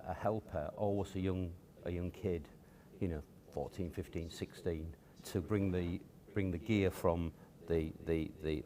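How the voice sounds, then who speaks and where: A man, a guest telling stories from his upbringing in a relaxed, hesitant way with many fillers. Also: deep voice. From Cottingham, near Hull, England. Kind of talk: casual storytelling interview.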